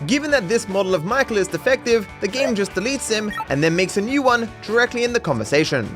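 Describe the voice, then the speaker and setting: A man with a high voice and lively intonation narrates game footage at a quick pace. His scripted comedic commentary on the video game is sarcastic and dry, played with mock seriousness, and there's music beneath it.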